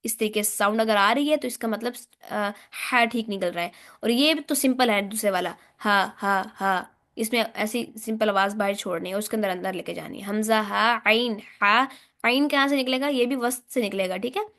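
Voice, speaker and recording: A woman teaching a Quran recitation class, patiently repeating sounds and chanting phrases slowly, with her praise spoken very softly. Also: mid-range voice. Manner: slow, patient, demonstrates sounds by repeating them.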